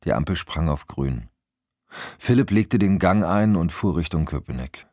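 A man narrating an audiobook in an expressive storytelling manner. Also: deep voice, normal speed, dry recording, clean studio sound. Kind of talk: scripted narration.

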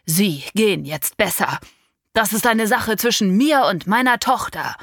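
A woman voicing a domineering middle-aged father who shouts and threatens in harsh bursts, in an audiobook reading. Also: lowish voice, a little slow, breathy edge, no room sound, clean studio sound. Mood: enraged.

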